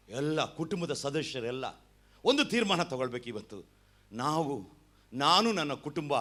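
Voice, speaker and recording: A man with a Kannada accent preaching a sermon as pastor, calling on the congregation to answer and repeat after him. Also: mid-range voice. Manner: animated preaching with call-and-response.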